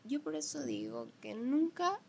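A woman, a podcast guest chatting casually and telling animated stories about her family. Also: high-pitched, unhurried, gravelly, a little hiss or hum. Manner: animated storyteller who acts out family members' voices. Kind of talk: casual conversation.

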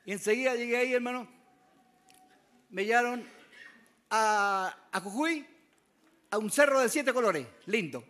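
A Chilean man with a strikingly high voice gives a folksy missionary testimony to his congregation. He talks like a storyteller among friends, calling everyone "brother", and now and then his voice rises into loud, fervent exclamation. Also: measured pace, long pauses. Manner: folksy, keeps calling listeners "hermano". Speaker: missionary preacher.

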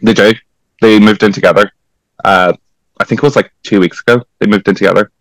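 Animated man with a Portuguese accent. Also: a little fast, dry recording, poor audio. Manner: animated, bursting into laughs and high exclaims. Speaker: podcast guest, drag performer. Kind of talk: casual chat.

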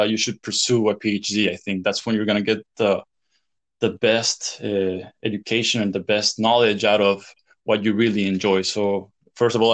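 A young man from El Salvador, a chemistry PhD student, answering interview questions in a hesitant way with many fillers and restarts. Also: lowish voice.

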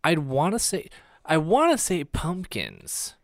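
A man answering trivia questions with short, low-key remarks in casual chat. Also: wildly swooping pitch, slow, no echo, clean studio sound. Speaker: quiz player.

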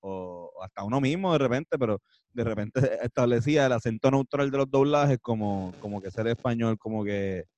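A man's voice: mid-range voice, moderate pace, darkish tone, no room sound. A man in his twenties with a Puerto Rican accent, co-hosting a casual podcast and joking around with slang. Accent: Puerto Rican Spanish. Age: 20s. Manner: joking, slangy, imitates voices. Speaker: podcast co-host. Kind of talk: casual chat.

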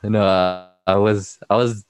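A teenage young man from Mexico, a podcast guest who answers in a hesitant, halting way. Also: fairly low pitch, steady tone. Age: teens. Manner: hesitant, halting, laughs often. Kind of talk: casual interview chat.

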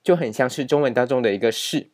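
A man's voice: mid-range voice, quick pace, a little mellow. A man teaching a grammar lesson over slides, explaining patiently and repeating key points with many filler particles. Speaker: language teacher.

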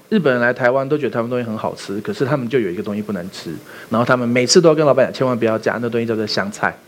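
Lively husky male pastor preaching. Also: medium pitch. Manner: animated, asks the congregation rhetorical questions, tells jokes. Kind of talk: sermon.

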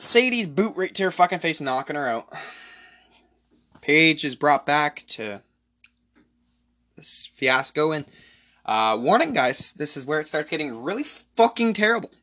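Male solo podcast host, bright tone, rambling profane movie recap with frequent throat clearing. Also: on the high side, expressive, a little slow, long pauses. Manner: rambling, profane, many fillers.

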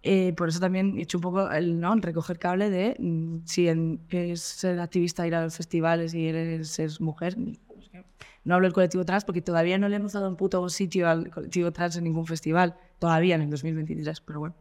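A woman with a Spanish accent, a guest on a podcast interview, telling a story in a blunt, animated way with swearing. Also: fairly low pitch, a little fast. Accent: Spain. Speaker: guest singer and activist.

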